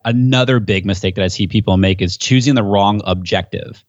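A man's voice: fairly low pitch, fairly quick, no room sound. A man, a guest on a podcast, explaining his subject in an enthusiastic, conversational way that gets pumped up as he goes. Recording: dull, dry podcast audio.

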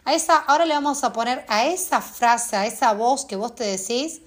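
A woman's voice: on the high side, moderate pace. A woman, hosting and guiding listeners through a self-help exercise, speaking straight to them and asking many questions. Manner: coaching, asks many questions directly of the listener. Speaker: host.

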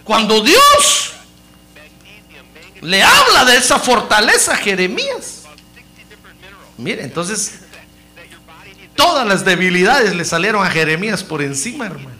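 Un hombre que predica un sermón con mucha energía y representa diálogos con voces distintas. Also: male voice, high voice, a little slow, creaky, pauses often. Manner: lively, animated preaching that acts out dialogues. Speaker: preacher. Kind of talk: sermon.

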